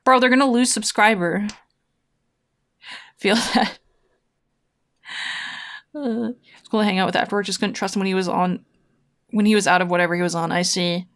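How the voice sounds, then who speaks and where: Woman, casual gaming streamer, mid-pitched voice, slangy, rambling, conversational, thinking aloud. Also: steady tone, moderate pace, long pauses, a bit bright. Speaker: livestreamer, VTuber playing online mahjong. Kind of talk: casual livestream chat while gaming, replying to chat.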